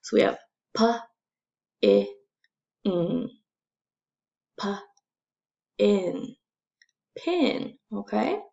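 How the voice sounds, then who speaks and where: A woman's voice: medium pitch, wildly swooping pitch, creaky, mellow, dull audio. A woman teaching phonics to young children as an encouraging kindergarten teacher, using simple repeated phrases and sounding things out distinctly. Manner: sounds out letters and words slowly and distinctly.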